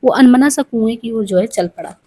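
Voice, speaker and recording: A woman's voice: on the high side, normal speed, dark tone. A woman reading a novel aloud, adding plain explanatory asides as she goes. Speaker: narrator.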